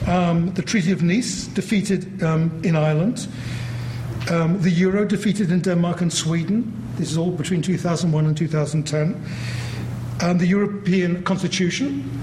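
Older man lecturing in an echoey hall. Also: high-pitched. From London, England. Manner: thoughtful, many restarts, acts out quoted voices. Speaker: political science lecturer. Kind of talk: academic lecture. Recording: roomy hall with background noise.

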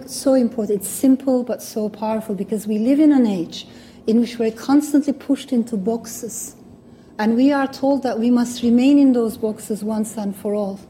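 A Turkish woman gives a public talk as a guest speaker, speaking English as a second language with a Turkish accent. Her slightly high voice has a dark tone, and she comes across as thoughtful and earnest, making small restarts. A little hiss or hum is audible.

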